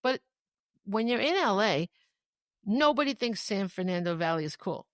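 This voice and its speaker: A podcast host in her fifties with a Long Island accent chats casually and swoops all over her pitch as she tells stories. She often restarts and repeats her words. The sound is close and dry, with no room ring. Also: expressive, normal speed, no echo. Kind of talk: casual chat.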